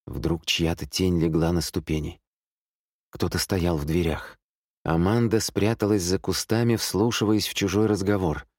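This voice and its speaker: A man narrating a thriller audiobook in a calm, measured, suspenseful manner. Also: sits low, no echo, studio quality.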